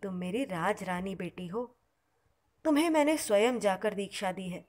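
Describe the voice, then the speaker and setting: A woman voicing an elderly holy mother, gentle and affectionate, speaking in a soft, tender, reassuring way. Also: mid-range voice, animated, normal speed, close to an everyday voice.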